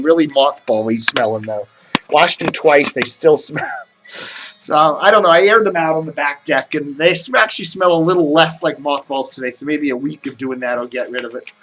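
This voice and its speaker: Recorded roughly at home, a man with a slightly high, fairly bright voice talks to the camera. He's an American vlogger, drifting through casual chatter and working through ideas aloud.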